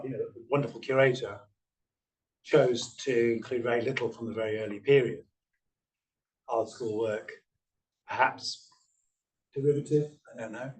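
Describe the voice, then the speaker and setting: Recorded from a distance on low-quality audio, a man from the artist's studio gives remarks on an art panel. His medium-pitched voice is a little mellow, and he's hesitant, restarting often and filling gaps with ums.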